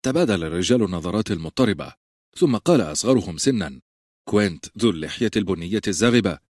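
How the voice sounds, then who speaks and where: A male audiobook narrator with a very low, deep voice tells the story in a steady way. The recording is dry, with no room sound. The narration is fully scripted. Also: quick pace, no room sound.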